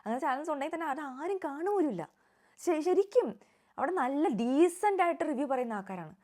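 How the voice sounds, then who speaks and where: A woman's voice: high voice, expressive, fairly quick, a little mellow. A young woman giving casual, opinionated vlog commentary on a reality show, mixing in English words.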